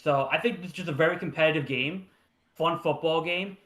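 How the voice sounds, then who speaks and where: A man co-hosting a casual sports talk show, restarting his sentences and leaning on fillers as he makes his points. His voice sits slightly high and carries a roomy echo. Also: fairly quick, a bit bright. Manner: stammering restarts, lots of "like" and "right?". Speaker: sports podcast co-host.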